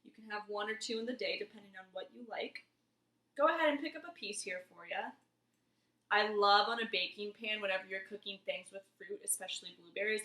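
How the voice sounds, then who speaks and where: A woman's voice: medium pitch, pushed and bright. A woman in her twenties giving a casual cooking demonstration in her home kitchen, chatty and easygoing as she talks viewers through each step. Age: 20s. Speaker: cooking vlogger. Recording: roomy kitchen echo.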